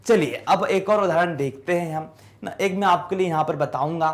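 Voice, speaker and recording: A male teacher with a high voice walks students through spelling. He asks question after question and answers each one himself. He stretches words out slowly, syllable by syllable. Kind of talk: explaining English spelling in a class lesson.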